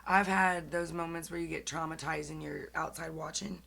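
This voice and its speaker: A woman's voice: low voice, little pitch movement, moderate pace, gravelly, a bit bright, slight background noise. A woman chatting casually on a podcast, rambling through a personal story. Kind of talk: casual chat.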